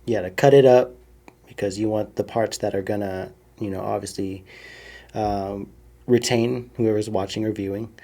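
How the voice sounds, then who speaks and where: Low gravelly podcast host. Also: male voice, normal speed. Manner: relaxed, trails off softly at phrase ends. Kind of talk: casual interview chat.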